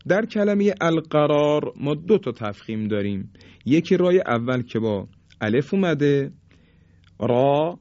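A man teaching pronunciation rules for Quran recitation, explaining quickly and then chanting example words slowly and repeatedly. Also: mid-range voice, darkish tone, no echo. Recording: dry, slightly dull recording.

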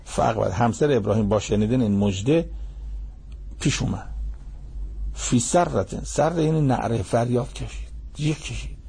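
Older male preacher, gravelly and husky, recites verses then explains them plainly. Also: medium pitch, pauses often, dark tone. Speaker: Quran teacher. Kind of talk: sermon-style Quran commentary.

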